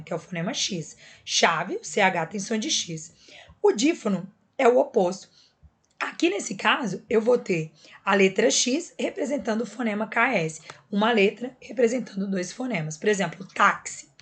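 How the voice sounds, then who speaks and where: A woman teacher explains a lesson patiently and step by step, checking in often with her students. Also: mid-range voice. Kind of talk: recorded classroom lesson.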